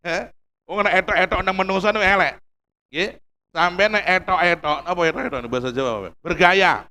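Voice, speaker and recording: A man preaching in a large mosque with a Javanese accent, swinging between loud emphasis and hushed pleading. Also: high-pitched, brisk. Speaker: Islamic preacher. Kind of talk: sermon.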